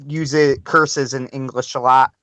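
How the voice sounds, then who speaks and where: A man co-hosting a casual livestream chat, giving quick, enthusiastic opinions. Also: mid-range voice, fairly even intonation, a bit bright, smooth, dry recording. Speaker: podcast co-host.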